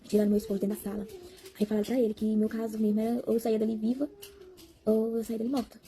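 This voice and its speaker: Rapid-fire and a little high, yet warm and level in tone, this young Brazilian woman vlogs a personal testimony to her viewers. Her Brazilian Portuguese-accented telling is rambling and emotional, with repeated words and frequent calls to the audience.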